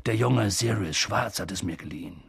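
Hagrid, a man doing a huge gruff giant. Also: fairly low pitch, moderate pace, no room sound, studio quality, full character voice.

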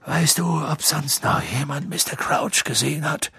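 Dumbledore, soft-spoken old headmaster, read by a man. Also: a little high, a little slow, dry recording, clean studio sound, voice pushed up, heavily acted. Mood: hushed. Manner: soft, hushed, breathy. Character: old wise headmaster wizard, calm and amused.

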